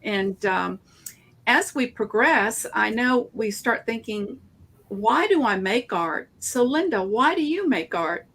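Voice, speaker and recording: A woman co-hosting a live online art broadcast, speaking in a measured, slightly halting way. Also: a little high, lively intonation, fairly bright tone, breathy edge. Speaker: co-host.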